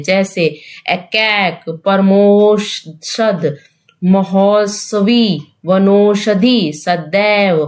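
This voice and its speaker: A woman teaching Hindi grammar for exam preparation, repeating the rules and asking questions back to her students, mixing English terms into her explanation. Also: mid-range voice. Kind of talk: exam-prep grammar lesson.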